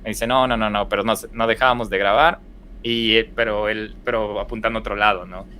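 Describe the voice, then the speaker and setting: This time his voice sits on the low side, a little fast, pushed and bright, with fairly even intonation and a bit of hiss or hum. He is a young podcast guest with an Ecuadorian Spanish accent, casually telling stories and rambling through restarts and fillers.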